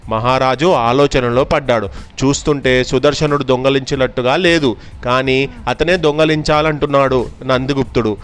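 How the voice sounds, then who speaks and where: A man narrating a children's folk tale in a lively storytelling manner, with small restarts. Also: mid-range voice, normal speed, smooth, soft background music.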